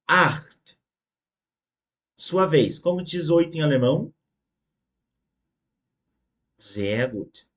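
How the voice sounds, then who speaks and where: A man teaching a German lesson online, slowly and patiently repeating words for the learner and checking in often. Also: fairly high pitch. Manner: ends phrases with checking tags.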